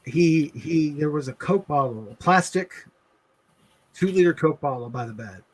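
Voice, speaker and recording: A man co-hosting a livestream, telling a personal story in an earnest, halting way with many restarts. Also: on the high side, a little mellow. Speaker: livestream co-host.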